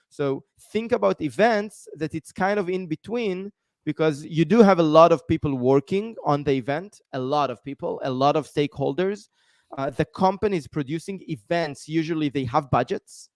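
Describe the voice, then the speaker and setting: A man's voice: on the high side, no echo, clean studio sound. A man, a guest explaining at length in a live-stream interview with many ums. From Israel. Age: 30s. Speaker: guest, tech founder.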